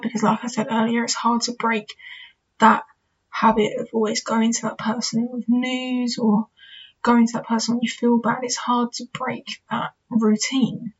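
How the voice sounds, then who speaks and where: Young woman host, casual reflective solo talk, slightly high husky voice, muffled recording. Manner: chatty, candid, reflective, with fillers like "you know" and "kind of". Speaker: podcast host. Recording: dull lo-fi recording.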